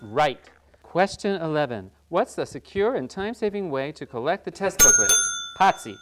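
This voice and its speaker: A performer playing an upbeat quiz show host who briskly announces questions and scores in a scripted game show parody. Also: medium pitch, sing-song, heavy background noise, natural voice.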